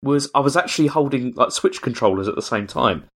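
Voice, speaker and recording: A man's voice: medium pitch, animated, brisk, a bit bright. A man co-hosting a podcast in casual chat, often hesitating and repeating words as he starts a sentence. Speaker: podcast co-host.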